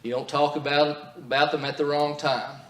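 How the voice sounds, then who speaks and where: A man's voice: on the high side, level tone, moderate pace, fairly bright tone. A middle-aged man giving a marriage seminar in a church, telling stories earnestly. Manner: earnest storytelling. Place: church hall. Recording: echoey church hall.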